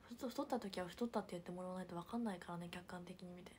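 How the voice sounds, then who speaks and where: A young woman livestreaming, chatting casually and reading viewer comments, with a hint of Hiroshima dialect and soft murmured asides. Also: lowish voice, very fast, a little hiss or hum. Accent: picking up Hiroshima dialect. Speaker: idol livestreamer.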